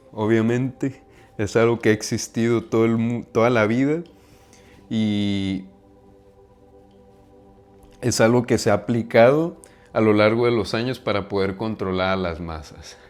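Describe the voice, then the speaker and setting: His voice runs on the low side with a darkish tone as this man from Mexico chats to viewers about self-improvement. Speaking casually to camera with a Mexican accent, he leans on slang and a frequent questioning "right?" at the end of sentences.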